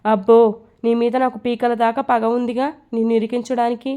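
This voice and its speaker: A woman's voice: a little high, level tone, moderate pace, mellow, lightly acted. Woman voicing a taunting male cop. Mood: stern. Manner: taunting, scoffing interrogation. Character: commanding male police officer, mocking and stern.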